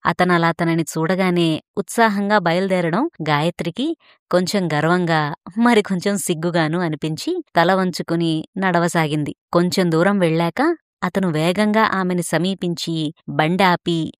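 A woman narrates a story in a steady, expressive reading voice. Her pitch sits on the low side and the sound is dry and close, with no room around it. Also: unhurried, smooth, dry recording.

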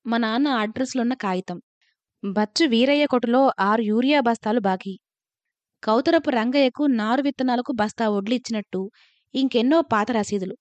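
A woman reading a first-person story aloud in a calm, measured narration. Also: a little high, no room sound.

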